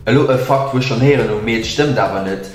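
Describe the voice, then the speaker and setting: A young man with a Luxembourgish accent co-hosts a video, casually presenting facts and tricks in a medium-pitched, brisk voice. He's in an echoey room with music playing behind him.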